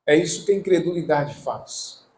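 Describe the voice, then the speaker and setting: A man preaching a sermon as pastor, reading scripture slowly and emphatically and calling for responses. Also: fairly high pitch, animated, darkish tone. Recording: echoey room.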